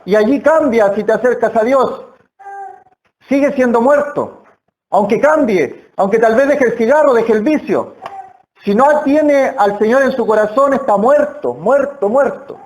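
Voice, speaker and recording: A man preaching a sermon in a church, earnest, slowing down and repeating words for emphasis. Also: extremely high pitch, darkish tone. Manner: earnest, slow emphatic phrasing with repetitions. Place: church hall.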